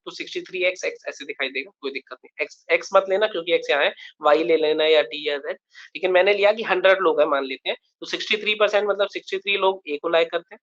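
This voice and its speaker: A man's voice: fairly high pitch, fairly bright tone. Male math teacher in a dull recording. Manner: explains step by step, often checks understanding. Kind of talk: live online lecture.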